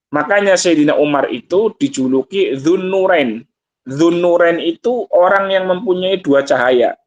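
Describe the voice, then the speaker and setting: A man gives a conversational sermon in a mosque. His voice sits fairly high, and he moves between recited Arabic phrases and homely explanation, often addressing the listeners directly. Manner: mixes Arabic recitation with Javanese and Indonesian explanation. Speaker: ustadz teaching a kitab study.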